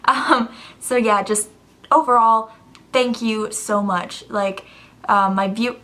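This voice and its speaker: A young woman with a fairly high voice talks casually to her viewers as a video blogger. She is gushing and giggly, with an informal, bubbly delivery. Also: takes it slowly, pushed and bright. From Canada. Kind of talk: casual chat to camera.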